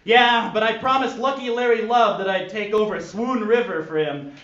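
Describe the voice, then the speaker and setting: A man's voice: high-pitched, normal speed, a bit bright, reverberant, far from the mic, highs cut off, pitched above the performer's own voice. A man voicing a brash, manic male radio sportscaster at a live stage reading.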